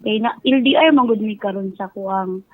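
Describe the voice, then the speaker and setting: Over a dry, muffled phone line with faint music behind her, a Cebuano-speaking Filipino caller offers her views in a casual, deferential way. She talks at normal speed with a medium pitch.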